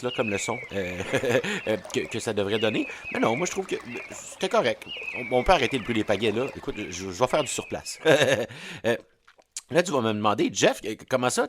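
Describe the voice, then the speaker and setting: A man's voice: mid-range voice, no room sound, clean studio sound. A man with a Québécois accent delivering a rambling comedic monologue, stammering and laughing often at his own jokes. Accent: Québécois French. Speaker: host of a comedic audio series.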